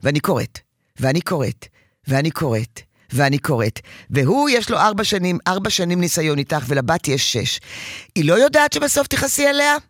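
A woman counseling a parent in an emphatic, animated advice session. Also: on the low side, dry recording, studio quality.

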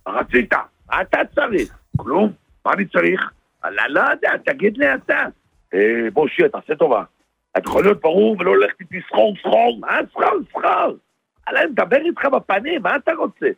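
A man's voice: high-pitched, big pitch swings, creaky, husky, no room sound, lo-fi sound. A man performing a comic phone sketch on the radio, swerving animatedly between voices. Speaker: radio comedian.

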